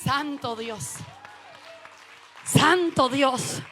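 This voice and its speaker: A woman preacher delivering a sermon, calling out to her congregation and rising from hushed asides to shouted exhortations. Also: high voice, drawn-out words, faint music behind, some chatter behind. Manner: addresses the congregation directly, calls for responses.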